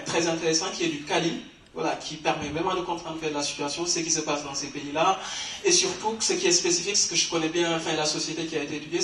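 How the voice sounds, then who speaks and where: A man's voice: on the high side, a bit bright, slight background noise. A man presenting awards at an academic conference, explaining at length with many fillers and restarts. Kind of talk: hesitant spoken announcement. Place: conference hall. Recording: echoey hall from far off.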